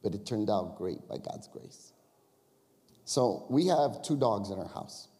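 Pastor from the Chicago area, mellow male voice, chatty confessional sermon style, long church-hall reverb. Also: on the low side, expressive, unhurried. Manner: conversational storytelling with confessions and crowd asides. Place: church sanctuary.

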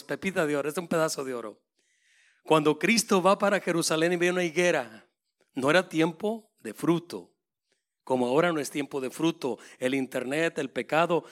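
A man with a high, bright, ringing voice preaches with fire. He swings from booming proclamations down to hushed, close asides. He delivers it as a passionate Spanish sermon.

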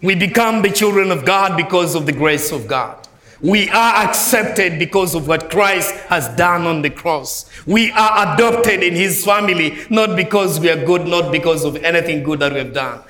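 In a church with roomy acoustics, a man from Malawi preaches as a guest speaker. His Malawian-accented sermon moves back and forth between quiet, low phrases and loud lines that ring out.

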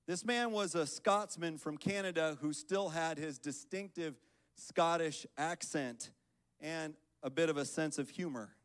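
A man's voice: on the high side, a bit bright. A man giving an earnest sermon as guest preacher at a church service, reading scripture and building into prayer.

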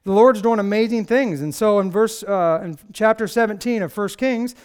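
Guy pastor giving a chatty sermon, high voice, smooth and clear, kinda sarcastic. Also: normal speed. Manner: conversational, sarcastic, animated storytelling with acted quotes. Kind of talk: casual sermon.

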